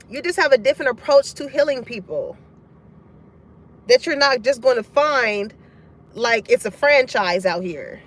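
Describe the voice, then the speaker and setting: Woman, high voice, tarot reader, casual and profane, chatty, laughs a lot. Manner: frank, profane and chatty, laughing often between points. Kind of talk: casual spoken tarot reading to a collective audience.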